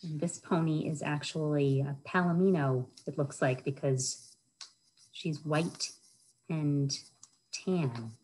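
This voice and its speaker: A middle-aged American woman, a children's librarian, hosts storytime in a small wood-panelled room, reading aloud and chatting simply with young listeners and asking them questions. Her low voice is slow, a little mellow and husky, captured in low quality by a webcam or laptop at arm's length.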